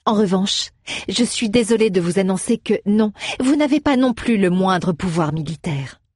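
A woman's voice: mid-range voice, animated, moderate pace, a little mellow, husky, no room sound, clean studio sound, voice pushed up. A woman voicing a poised, commanding young woman who speaks with cutting sarcasm in an audiobook. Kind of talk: audiobook character voice.

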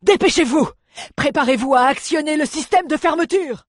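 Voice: mid-range voice, expressive, moderate pace, a bit bright, husky, no echo, clean studio sound, voice pushed up, heavily acted. A narrator voicing Dancret, a raging general. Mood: shouting, furious. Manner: barking orders, contemptuous. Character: furious shouting male army general. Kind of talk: audiobook character voice.

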